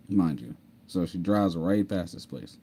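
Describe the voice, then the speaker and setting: A man's voice: deep voice, mellow, husky. Dude telling his story to viewers, loose and chatty, lots of "mind you". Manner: conversational, repeats himself, laughs often, says "mind you". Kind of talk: casual storytelling over screen share.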